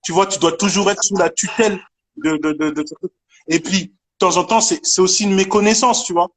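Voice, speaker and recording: A man from Congo with a notably high voice debates live over a call. He is emphatic and insistent, and he restarts his sentences often. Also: fairly even intonation, a little fast. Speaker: debate participant.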